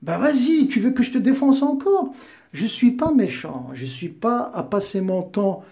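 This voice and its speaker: A man in his fifties hurls taunts and insults in a heated rant. His voice sits high, yet its colour stays dark and mellow. He mocks as much as he argues. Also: very animated, unhurried. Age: 50s. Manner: insulting, mocking, combative. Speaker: YouTuber answering a critic.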